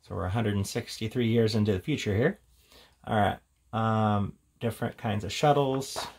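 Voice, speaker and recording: This man has a fairly low, darkish voice and keeps a moderate pace. Acting as a reviewer, he casually talks through the books in front of him in an informal, offhand show-and-tell.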